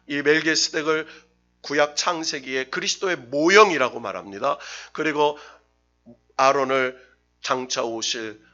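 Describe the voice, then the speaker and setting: A man's voice: fairly high pitch, bright, forceful tone, highs cut off. A man preaching a Wednesday sermon as a pastor, stressing words and leading the congregation in reading scripture aloud. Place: church sanctuary.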